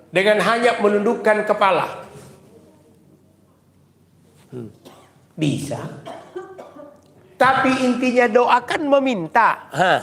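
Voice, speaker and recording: A high-voiced man with a South Sulawesi accent preaches a humorous sermon, breaking into chanted Arabic prayers and teasing the women listening. His voice rings out with a long echo through a mosque hall. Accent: South Sulawesi Indonesian.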